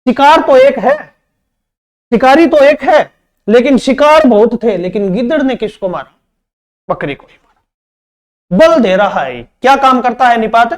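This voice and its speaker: A man's voice: extremely high pitch, lively intonation, normal speed. A man teaching an exam-prep grammar lesson, repeating each phrase and asking and answering his own questions. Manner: addresses students as "beta".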